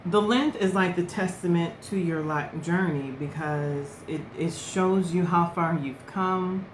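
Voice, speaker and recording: A woman in her twenties or so chats to camera in an unhurried, easygoing way, her voice sitting a little low. The room around her rings with echo, and a faint hiss sits under her words. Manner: relaxed, chatty, eating while talking. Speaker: vlogger. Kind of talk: casual chat to camera.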